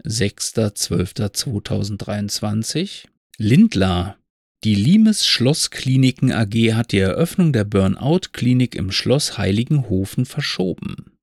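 Male podcast host, gravelly and lively, wry and rambling; dry close mic. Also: fairly low pitch, a little slow, dry recording. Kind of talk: monologue and poem reading.

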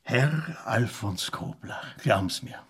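A man's voice: medium pitch, animated, takes it slowly, husky, exaggerated voice. An actor playing a pompous, moralizing male journalist in a radio play, with a lecturing manner. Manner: indignant, lecturing.

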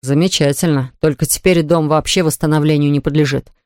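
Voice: brisk, no room sound, natural voice. A narrator voicing a composed, businesslike male property developer, reading in a dry, close studio recording. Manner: calm, businesslike, lowered voice.

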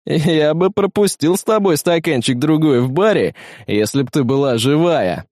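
A man voicing a brash, crude male space marine in a storybook reading, gruff and barking. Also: fairly high pitch, expressive, normal speed, darkish tone, dry recording, clean studio sound, voice pushed up, natural voice. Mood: joking. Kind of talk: audiobook character voice.

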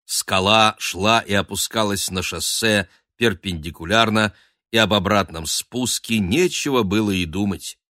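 A man narrating an audiobook in an expressive, dramatic storytelling manner. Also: on the low side, a little slow, no echo, clean studio sound. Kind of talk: scripted narration.

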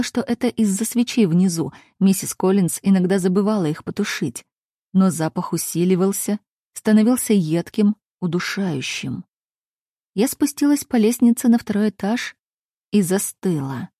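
A woman narrating a dramatic first-person audiobook in a tense, expressive way. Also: medium pitch, no room sound, clean studio sound. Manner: tense, expressive, rises for shouted lines.

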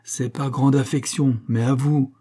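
A man voicing a calm young Frenchman who gently reasons with his friend, in a husky, mellow voice. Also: medium pitch, a little slow, pitched above the performer's own voice, close to an everyday voice. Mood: persuasive.

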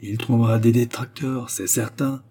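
A man's voice: mid-range voice, steady tone, normal speed, mellow, breathy edge, lightly acted. A man voicing a young noble grand duchess, earnest and anxious, speaking with a raised, emotional voice. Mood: composed.

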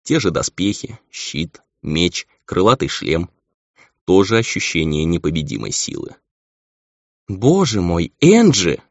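A man reading a fantasy audiobook in an expressive storytelling manner. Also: deep voice, a little slow, vocal fry, dry recording. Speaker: audiobook reader. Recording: dull dry lo-fi audio.

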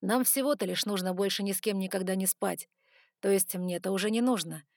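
A woman's voice: mid-range voice, brisk, no room sound, studio quality, natural voice. Woman reading a sly sarcastic ice dragon man. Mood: teasing. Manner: teasing, offhand.

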